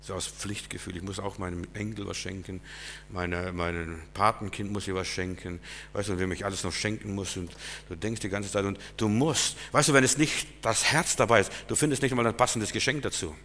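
A male preacher giving a sermon, emphatic and swinging between loud stresses and quiet asides. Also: on the low side, steady tone, brisk, long reverb tail, slight background noise.

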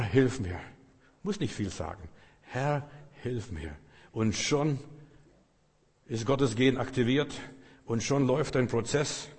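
A man preaching a sermon with emphasis, acting out loud prayers and cries for help. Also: mid-range voice, husky. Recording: long reverb of a large hall.

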